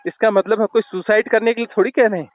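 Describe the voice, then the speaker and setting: A man giving a spiritual talk as a guest, explaining slowly through stories, with restarts, heard over a tinny phone-like line. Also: high-pitched, steady tone, no room sound. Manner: slow, explanatory, with restarts and fillers.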